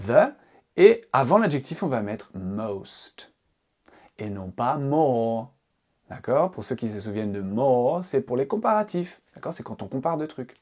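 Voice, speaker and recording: Husky, lively tutorial teacher, a man. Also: mid-range voice. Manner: lively and emphatic, slows down to stress examples. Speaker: English teacher. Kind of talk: online tutorial explanation.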